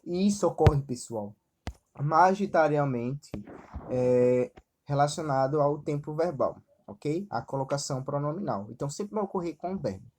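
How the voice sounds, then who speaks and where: Low-voiced woman teaching a lesson. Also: lively intonation, a little mellow. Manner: explanatory, frequently checks in with "certo?" and "ok?"; pronounces example words slowly and with stress. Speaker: Spanish teacher. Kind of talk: online slide lesson.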